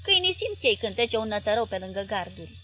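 A woman reading aloud, voicing a gruff, indignant grown man who growls and scolds his wife. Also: medium pitch, big pitch swings, bright, forceful tone, slight background noise. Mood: angry, scornful.

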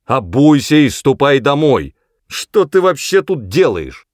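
A man's voice: lowish voice, sing-song, normal speed, no echo, clean studio sound. A man voicing a stern father who scolds sharply. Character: stern father, short-tempered.

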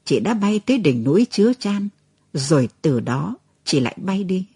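A woman reads a story aloud in a tender, expressive way. Her voice is low, mellow and lively in pitch. The recording is close and dry. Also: moderate pace, breathy edge, no echo. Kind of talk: storybook narration.

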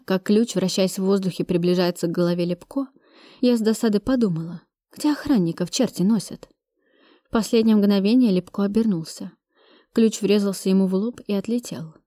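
A woman reading a first-person action story aloud, steady and brisk, close to the mic. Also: medium pitch, no room sound. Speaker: audiobook reader. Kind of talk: first-person audiobook narration.

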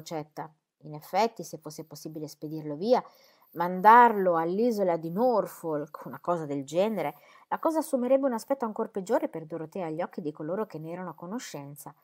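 A woman reading the lines of a placid, stubborn older gentleman who rambles mildly. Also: on the low side, animated, a little fast, natural voice. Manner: rambling, mild, keeps asking "capite?". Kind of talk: audiobook character reading.

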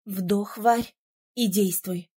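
A woman reading an audiobook, voicing a stern, powerful young male prince mage in a low, grave voice. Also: steady tone, drawn-out words, dark tone, slightly rough. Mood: commanding.

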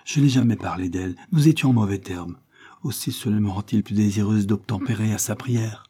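A man's voice: on the low side, brisk, mellow, slightly rough. A man reading an audiobook, voicing a proud, scheming young woman servant who speaks indignantly and defiantly. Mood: pleading.

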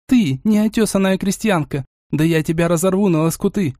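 A man's voice: high voice, normal speed, dark tone, no echo, voice pushed up, natural voice. Man doing a haughty rich seductress, raised voice, teasing, dry close sound, audiobook. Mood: outraged. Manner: teasing, flirtatious, then furious.

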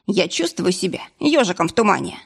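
A woman's voice: mid-range voice, very animated, a little fast, vocal fry, slightly rough, exaggerated voice. Female reader as clumsy tipsy young man, rueful, storybook. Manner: rueful, complaining.

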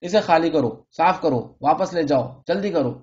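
A man reading as a pompous middle-aged pharmacist in an audiobook, scolding in a self-righteous tirade. The voice sits a little high, and the recording is dull and lo-fi. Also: a little mellow, close to an everyday voice. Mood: furious.

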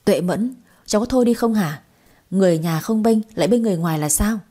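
A woman voices a bossy grandmother who barks orders at her family. The voice is warm and low-key but husky. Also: quick pace, natural voice. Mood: scolding. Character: bossy, scolding older grandmother.

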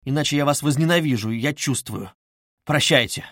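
A brooding young man speaks in low, halting phrases, grim and curt, as a man narrating puts him on. The voice stays muted and heavy. It is a dry, close audiobook reading. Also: fairly bright tone, dry recording, lightly acted. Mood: grim resolve.

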